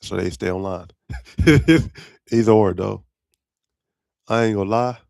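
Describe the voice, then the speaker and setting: A man's voice: on the low side, steady tone, measured pace, gravelly, darkish tone, dry recording, clean studio sound. A young man hosting his own podcast alone, rambling in casual slang and often laughing at his own jokes. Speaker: podcast host. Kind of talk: casual solo podcast chat.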